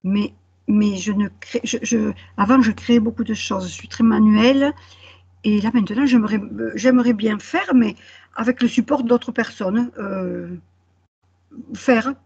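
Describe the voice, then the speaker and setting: Husky, creaky woman, halting and self-conscious. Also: medium pitch, a little mellow. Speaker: client in a hypnosis session. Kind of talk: hesitant personal conversation. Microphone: video call microphone. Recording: dull lo-fi call audio.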